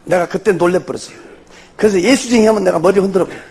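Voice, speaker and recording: A middle-aged pastor with a Jeolla Korean accent tells his testimony in a high, gravelly voice. His pitch leaps and dips as he throws rhetorical questions at the room. A husky edge runs under his lively delivery. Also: racing. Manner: animated storytelling with rhetorical questions. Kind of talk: testimony sermon.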